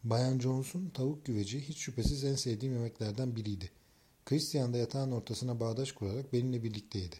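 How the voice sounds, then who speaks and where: Mellow male audiobook narrator. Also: mid-range voice, fast. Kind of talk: scripted first-person narration.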